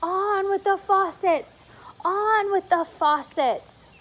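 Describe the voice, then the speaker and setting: A woman voicing cloud men who shout orders down from the sky, slow and drawn out as if from far away. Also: extremely high pitch, slight background noise, voice pushed up, heavily acted. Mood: commanding.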